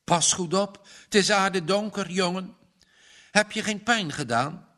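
A man voicing a young farm girl who talks in quick, bright exclamations. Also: medium pitch, voice pushed up, natural voice. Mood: worried.

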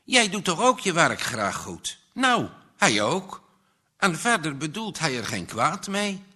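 A gentle young woman coaxes and reasons softly, as a male reader puts her on. Her voice sits a bit higher than the reader's own and rings bright. It is a storybook scene read aloud. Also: big pitch swings, slow pace, slightly rough, heavily acted. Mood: coaxing.

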